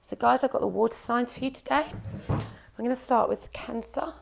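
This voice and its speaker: A woman with a croaky, gravelly voice, still recovering from an illness, chatting warmly while she draws tarot cards. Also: fairly high pitch, a little fast, a little hiss or hum. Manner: chatty, reassuring, thinks aloud while drawing cards. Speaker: tarot reader. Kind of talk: casual tarot reading.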